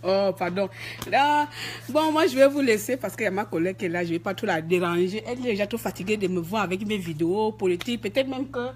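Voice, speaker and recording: A woman's voice: mid-range voice, fast. A woman from Gabon, telling a story in an emphatic, indignant rant to her viewers, peppered with "hein". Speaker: vlogger. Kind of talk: ranting monologue to camera.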